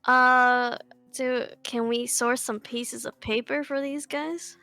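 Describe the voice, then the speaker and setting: High-pitched woman playing a tabletop game. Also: fairly even intonation, takes it slowly, sharp tone, dry recording, faint music behind. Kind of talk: casual in-game chat.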